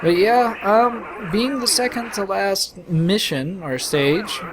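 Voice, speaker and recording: A man with a slightly high voice rambles and jokes through casual game commentary, full of crude asides. His mic picks up a lot of hiss and game noise behind him. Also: slow pace. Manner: joking, rambling, crude banter. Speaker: let's play host. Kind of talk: casual commentary over gameplay.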